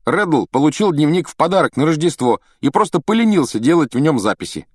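Man voicing a skeptical joking schoolboy, ironic, raised pitch, dry storybook reading. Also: big pitch swings, brisk, breathy edge, no echo. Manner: ironic, mocking, offhand.

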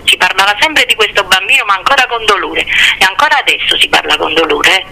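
An older man, a guest author recalling family memories in a radio interview, earnest and pausing to search for words. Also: high-pitched, creaky, pushed and bright, low-quality recording.

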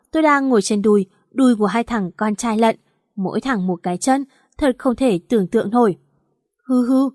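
A woman reading a first-person romance story aloud, lively and acting out the dialogue. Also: medium pitch, dry recording, studio quality. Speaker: audiobook narrator.

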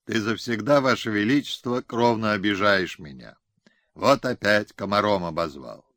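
A man's voice: normal speed, a bit bright, dry recording, close to an everyday voice. A man voicing a whiny, scheming Cossack colonel who stammers and talks through his nose, in an audiobook. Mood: whining. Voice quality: nasal, whining. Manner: shrill hysterical outbursts. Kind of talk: audiobook character reading.

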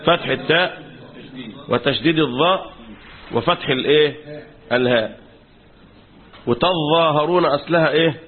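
A sheikh with an Egyptian Arabic accent lectures a class on Quran commentary, repeatedly testing the students with fill-in questions. His voice is on the high side, at normal speed with long pauses. The recording is tinny, like a phone.

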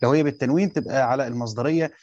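A man's voice: medium pitch, darkish tone, dry recording. Egyptian man teaching a class, dull recording. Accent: Egyptian Arabic. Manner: explains slowly, repeats points, quizzes the class. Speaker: teacher of Quran commentary. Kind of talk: classroom lesson, questioning students.

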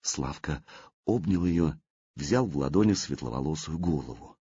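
Deep, husky male audiobook narrator. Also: lively intonation, normal speed, mellow, no echo, muffled recording. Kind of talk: scripted narration.

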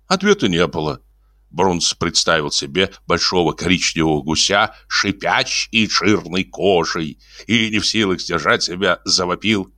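Male audiobook narrator, lively expressive reading, dry close sound. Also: deep voice, dry recording. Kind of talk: scripted narration.

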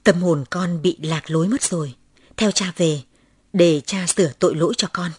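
Woman doing a kindly middle-aged priest, soft and solemn, low husky voice, dry close sound, storybook reading. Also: moderate pace, no echo. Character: gentle middle-aged male priest comforting a child.

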